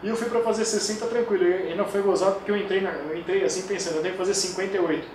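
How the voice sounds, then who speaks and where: A man's voice: high-pitched, racing. A man in his forties, a kettlebell sport coach, telling stories animatedly in a casual interview, recorded far from the mic in an echoey room with background noise. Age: 40s. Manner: animated storytelling, acts out quoted voices.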